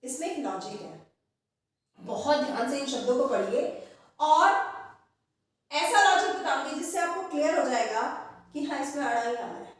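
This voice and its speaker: A woman's voice: high-pitched, animated, moderate pace, long pauses, distant mic. A woman teaching grammar to her viewers, patiently repeating each word several times as she explains. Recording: very echoey room, voice set back from the mic.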